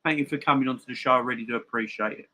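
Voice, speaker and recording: Man with very bright, slightly lisping voice. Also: medium pitch, very fast, rough recording. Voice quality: slight lisp from a missing front tooth. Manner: emphatic, repeats phrases for emphasis. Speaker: football fan channel live stream host. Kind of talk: casual live-stream chat and football opinion, addressing viewers.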